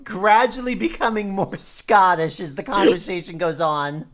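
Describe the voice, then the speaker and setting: A woman's voice: fairly low pitch, animated, moderate pace. A woman giving casual game commentary and reading dialogue aloud with dramatic delivery. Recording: music behind the voice. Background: game music.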